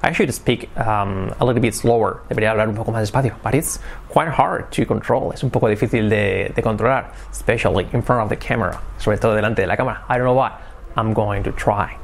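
Fast-talking man teaching English. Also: lowish voice, gravelly. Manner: fast-talking, switches between Spanish and English. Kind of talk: bilingual language lesson. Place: in front of a camera.

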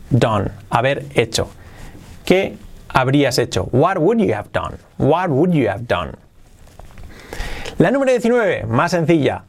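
Lively teacher repeating phrases. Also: male voice, medium pitch. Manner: repeats English phrases slowly, explains quickly. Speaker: English teacher. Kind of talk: grammar lesson.

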